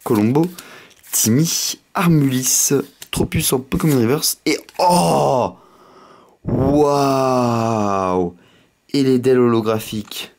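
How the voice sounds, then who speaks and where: A man with a slight lisp hosting a casual unboxing, chatting in an excitable way. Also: medium pitch, measured pace. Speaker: host of a card pack opening video.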